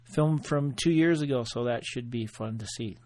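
A man hosting his own podcast alone, chatting in a loose, offhand way and thinking aloud with pauses. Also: mid-range voice, a little mellow. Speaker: podcast host. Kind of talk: casual solo podcast monologue.

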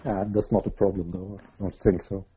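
Swedish guy, english not his first language, dark mellow voice, kinda dull call audio, lots of uh. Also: sits low, little pitch movement, normal speed, husky. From Sweden. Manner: hesitant, many filler sounds. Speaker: guest, adventure racer. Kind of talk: remote interview. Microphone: video or internet call.

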